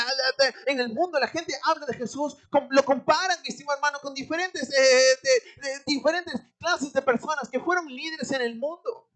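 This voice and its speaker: A Peruvian-accented preacher delivers a sermon in a high voice. The delivery lurches between loud, emphatic bursts and quiet, drawn-out asides. Rhetorical questions and repeated appeals to the listener keep coming. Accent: Peruvian Spanish. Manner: keeps calling out "my dear brother" and asks the congregation rhetorical questions; dramatic swings between loud and hushed.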